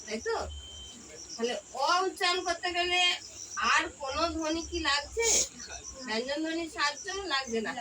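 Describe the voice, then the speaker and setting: A woman with a high-pitched voice leads a children's grammar class, asking question after question and echoing the answers. She sits well away from the mic. Crickets, insects and passing vehicles are clearly heard behind her. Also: moderate pace, pauses often. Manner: drills with repeated questions to pupils. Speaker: tuition teacher. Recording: distant mic with outdoor noise.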